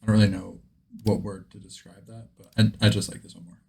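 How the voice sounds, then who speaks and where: A man hosting a casual vlog, a beginner voice actor, chats informally to camera and thinks aloud in a self-deprecating way. His voice is lowish, gravelly, and dark-toned, level in tone and quick in pace.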